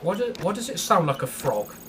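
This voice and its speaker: A man's voice: high voice, big pitch swings, brisk, a bit bright, a little hiss or hum. A man hosting a gaming channel, giving casual gameplay commentary while grumbling and swearing in frustration at home.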